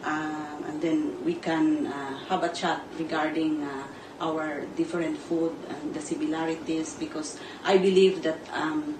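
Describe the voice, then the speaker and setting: A woman host from the Philippines, speaking haltingly with many fillers. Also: low voice, level tone. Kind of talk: casual talk. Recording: echoey room, distant mic, noisy.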